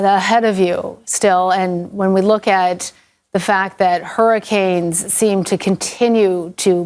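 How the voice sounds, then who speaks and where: A woman anchoring television news, conducting a live interview. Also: medium pitch.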